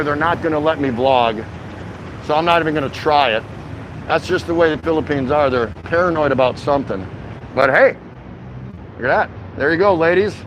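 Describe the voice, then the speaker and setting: A vlogger with a higher-pitched male voice chats on a livestream while walking through a city shopping district. He's easygoing, rambling, and slangy, calling out viewers by name. Traffic passes and city noise fills the outdoor recording.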